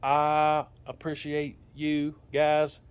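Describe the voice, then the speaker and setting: Man slowing into a robot voice. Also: a little high, completely flat delivery, clear, resonant tone. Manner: slow put-on robot voice. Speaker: hunting and shooting vlogger. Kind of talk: casual vlog chat.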